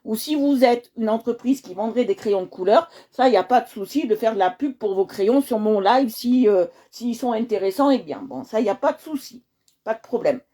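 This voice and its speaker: A woman's voice: a little high, expressive, moderate pace, mellow. A woman hosting a coloring livestream, chatting casually with her viewers and often repeating herself as she checks in with them.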